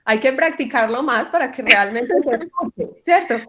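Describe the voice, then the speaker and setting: A woman teaching French pronunciation to singers over a video call, patient and encouraging, slowly demonstrating each sound. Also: high-pitched, expressive, sharp tone. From Colombian Caribbean coast. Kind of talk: online workshop lesson.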